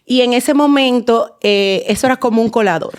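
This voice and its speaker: Smooth-voiced Dominican woman telling her story. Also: a little high, moderate pace. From Dominican Republic. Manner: warm storytelling with many fillers and restarts. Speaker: guest, endodontist and dental teacher. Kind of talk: podcast interview.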